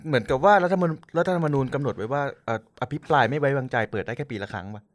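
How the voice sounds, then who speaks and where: A man's voice: medium pitch, lively intonation, racing. A man co-hosting a casual podcast, joking and conversational.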